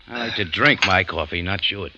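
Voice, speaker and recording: In a dull old radio recording with faint noise, an actor voices a tough café owner and adventurer in 1940s radio style. His voice sits low and is close to everyday speech, a little fast, with a wry, hard-boiled manner.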